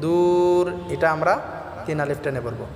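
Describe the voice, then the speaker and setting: A man teaching Quran recitation, chanting verses slowly and then explaining the pronunciation rules in a brisk spoken voice. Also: fairly high pitch, darkish tone. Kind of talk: tajweed lesson, slow chanted recitation alternating with quick spoken explanation. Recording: echoey reverberant room with faint background music.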